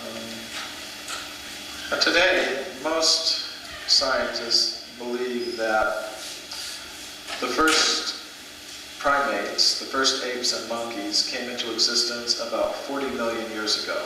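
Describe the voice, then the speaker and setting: Male public lecturer, measured and deliberate. Live hall sound, heavy echo and clear background noise. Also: mid-range voice, steady tone. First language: English. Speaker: lecturer, researcher in history of archaeology. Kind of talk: public lecture in short phrases, pausing for interpreter. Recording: echoey hall, distant mic, noisy.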